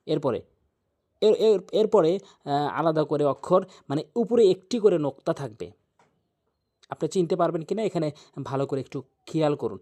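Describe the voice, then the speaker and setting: A man teaching tajweed pronunciation as a Quran reading teacher, patiently repeating each letter slowly and explaining where in the mouth it is made. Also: a little high, animated, mellow. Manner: repeats each Arabic letter slowly several times to demonstrate.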